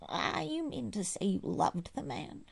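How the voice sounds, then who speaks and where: A woman's voice: medium pitch, very animated, unhurried, creaky, husky, pitched above the performer's own voice, full character voice. A woman voicing a crusty, bedridden old aunt who grumbles in rustic dialect with a hollow, half-whispered voice. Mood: scornful.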